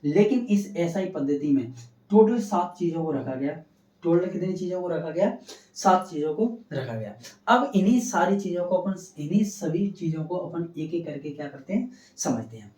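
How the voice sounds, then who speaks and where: A man's voice: fairly high pitch, expressive, moderate pace, warm tone. A male science teacher giving a classroom lecture, asking questions and answering them himself and repeating key terms. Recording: echoey room, distant dull mic.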